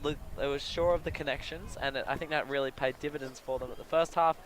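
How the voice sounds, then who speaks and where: A man commentating live on a sports match, calling the plays quickly and getting excited over good catches. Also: mid-range voice. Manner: excitable, quick calls of the play. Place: outdoors at a sports field. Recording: crowd noise at an outdoor field. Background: cheering crowd.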